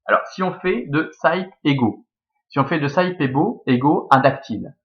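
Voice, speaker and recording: A man's voice: fairly high pitch, normal speed, dull audio. A man with a Belgian French accent teaching Latin verse scansion, thinking aloud step by step with many fillers.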